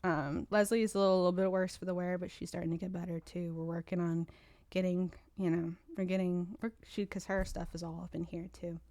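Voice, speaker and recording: Her lowish voice stays level, brisk and a little mellow as she hosts her podcast, with no echo in the recording. Stuffy and congested, she chats casually and rambles, frequently starting over.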